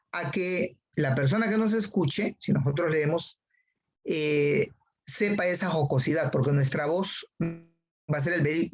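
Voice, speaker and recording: A man's voice: a little high, lo-fi sound. A man teaching a class, who repeats key phrases and calls on students by name. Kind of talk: online class lecture.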